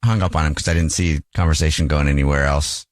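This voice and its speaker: A man's voice: rumbling low, fairly even intonation, quick pace, no room sound, clean studio sound. A man hosting a radio talk show, speaking plainly and directly.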